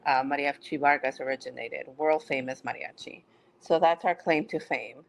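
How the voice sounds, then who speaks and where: Woman, from Mexico, middle-aged, low voice, slight fry, measured podcast interview. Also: low-quality recording. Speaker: city manager.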